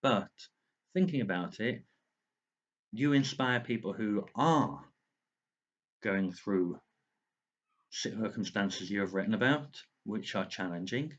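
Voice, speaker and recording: A man's voice: on the low side, slightly rough, muffled recording. Earnest man with a slight lisp. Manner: rambling, earnest, talks straight to the viewer. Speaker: author vlogger. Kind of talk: casual lockdown video diary. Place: at home indoors.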